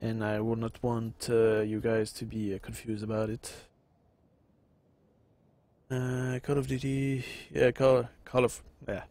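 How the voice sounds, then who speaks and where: A gaming host in his thirties with a Quebec French accent talks slowly in a flat, mid-range, darkish voice, recorded dry. He chats with viewers while casually commenting on a strategy game let's-play style, rambling with many fillers.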